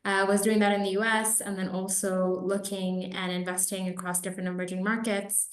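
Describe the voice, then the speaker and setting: A venture capital investor from Nairobi, Kenya, answers questions conversationally as a guest on a webinar interview. Her mid-range voice is flat and brisk, and the call has a roomy echo.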